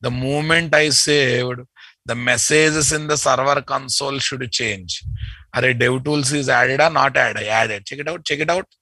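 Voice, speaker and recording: A man's voice: medium pitch, a little slow, sharp tone, no echo. A man with a Telugu Indian accent teaches a live coding class, repeating his phrases and checking in with short tag questions. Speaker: programming instructor. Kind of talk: live coding lesson, addressing students.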